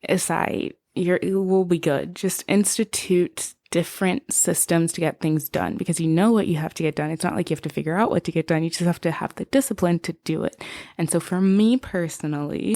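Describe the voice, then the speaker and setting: A woman's voice: lowish voice, darkish tone, dry recording, clean studio sound. A woman in her late twenties from Zimbabwe with an American accent, hosting a casual solo podcast in a rambling, chatty, giggly way full of "like"s. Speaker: podcast host.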